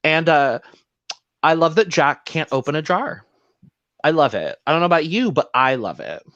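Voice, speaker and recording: A man's voice: a little high, expressive, normal speed, a bit bright, dry recording, muffled recording. A man co-hosting a casual podcast, recapping a show and slipping into playful voices for quotes. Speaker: podcast co-host.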